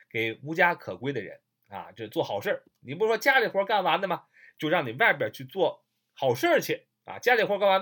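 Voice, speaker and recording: Brief: animated language teacher, pitch swinging up and down, repeats phrases slowly with drawn-out "ah"s, audio lesson. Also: slightly rough. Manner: explains in Chinese, repeating English phrases slowly, with frequent "ah" fillers. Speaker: English teacher. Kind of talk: recorded audio vocabulary lesson.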